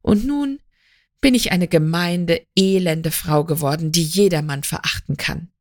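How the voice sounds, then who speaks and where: A woman's voice: lowish voice, measured pace, no echo, studio quality, lightly acted. A woman voicing a tearful, remorseful young wife. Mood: anguished.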